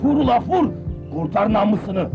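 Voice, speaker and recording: An actor playing a pompous, vengeful village chief, in a dull old film soundtrack. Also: male voice, sits high, very animated, normal speed, over music. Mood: raging. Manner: blustering, shouts insults. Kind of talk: 1980s film acting.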